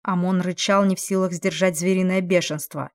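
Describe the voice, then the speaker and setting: A woman's voice: on the low side, fairly even intonation, a little fast. A woman narrating a dramatic fantasy audiobook expressively, acting out the dialogue. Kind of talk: dramatic fiction reading.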